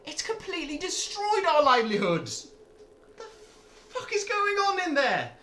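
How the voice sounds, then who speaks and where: Guy doing angry villager yelling from a mob, way high pitched, strained, indignant, echoey room. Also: wildly swooping pitch, measured pace, slight background noise, full character voice. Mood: desperate outrage. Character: angry, indignant townsfolk heckling from a crowd.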